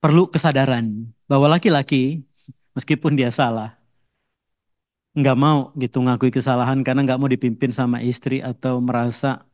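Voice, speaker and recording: A male pastor preaching in a relaxed, conversational way, dropping in casual tags and acting out couples' quarrels in raised voices. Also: medium pitch, moderate pace, long pauses, no room sound, studio quality. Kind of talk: sermon.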